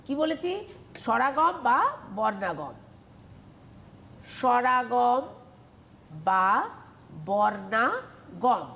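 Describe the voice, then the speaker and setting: A woman's voice: high voice, a bit bright, a little hiss or hum. A woman teacher giving a televised Bengali grammar lesson, explaining patiently and repeating questions to her students.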